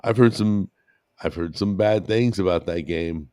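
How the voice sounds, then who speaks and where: A man's voice: deep voice, a little slow, mellow, dry recording, clean studio sound. A man co-hosting a podcast in casual chat, joking and sarcastic while he shares his opinions. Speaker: podcast co-host.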